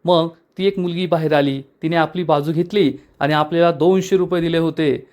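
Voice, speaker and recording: An earnest young man recalling a childhood debt and urging his friend to help, read aloud by a man telling the story. The delivery is sincere and slightly raised in pitch. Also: fairly even intonation, normal speed, darkish tone, lightly acted. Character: young man, cheerful and devoted hero.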